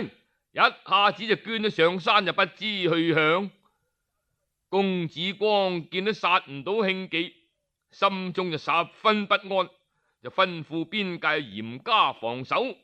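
A man with a Cantonese accent tells a historical tale in the manner of a traditional oral storyteller, his voice sitting high. He's expressive and colloquial, tossing small interjections to his listeners.

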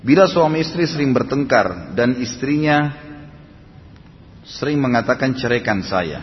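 Preacher man in an echoey hall. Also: unhurried. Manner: rhetorical questions, emphatic scolding asides. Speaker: Islamic preacher answering questions. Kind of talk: religious Q&A lecture. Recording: dull echoey hall with faint rumble.

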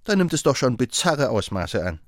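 Brief: male reader plays an amused, gossipy young assistant, raised pitch, lively melody. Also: normal speed, no room sound, clean studio sound, natural voice. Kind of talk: audiobook character voice.

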